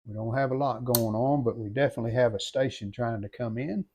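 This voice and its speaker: Standing at a workbench in his home workshop, this middle-aged man, a hobbyist repair vlogger, offers off-the-cuff instructions in a homespun, no-nonsense manner. He speaks in a mid-range, slightly mellow voice, a touch quickly, with faint background noise audible.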